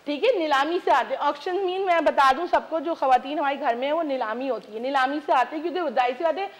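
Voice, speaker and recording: A high-voiced woman chats emphatically as a guest in a TV studio. She talks about her bag business in a casual, lively way, speaking through a lapel mic. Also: quick pace. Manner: chatty, emphatic, mixes English words. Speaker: guest, preloved bag seller. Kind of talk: casual talk show chat.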